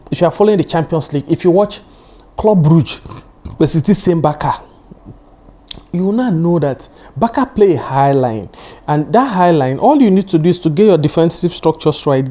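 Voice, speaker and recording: With a fairly high pitch and a dark tone, a Yoruba-speaking football pundit hosts his own show, analysing the game alone in a casual, rambling way. He keeps saying "you know" and repeats himself to drive points home.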